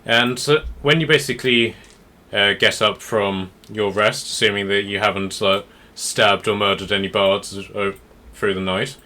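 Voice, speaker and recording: A man narrating a tabletop game as game master, in a halting, rambling, improvised way. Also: lowish voice, steady tone, bright, forceful tone.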